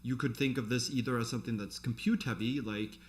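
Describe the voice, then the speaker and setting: A man's voice: medium pitch, steady tone, a little fast. A man giving an informal programming tutorial, thinking aloud in a conversational way as he explains. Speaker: programming instructor. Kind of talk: informal live coding tutorial, explaining off the cuff.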